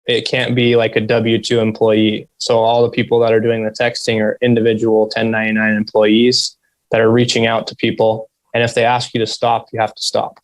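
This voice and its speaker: Soft, flat-voiced man, quiet and monotone. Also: fairly low pitch, brisk, rough recording. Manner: flat, understated delivery. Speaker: interview guest, solar business owner. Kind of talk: interview conversation.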